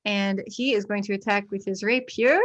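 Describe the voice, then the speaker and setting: Woman game master, casual and chatty, narrates tabletop combat in a relaxed, everyday voice. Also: mid-range voice, moderate pace, lo-fi sound. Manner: casual, laughs often, swears.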